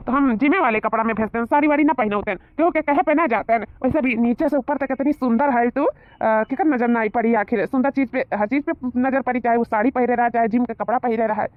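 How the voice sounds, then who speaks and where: A woman's voice: fairly high pitch, no echo, close to an everyday voice. A woman playing a smug flirtatious village man. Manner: wheedling, boastful. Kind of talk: comedy sketch acting. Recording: tinny phone-like sound.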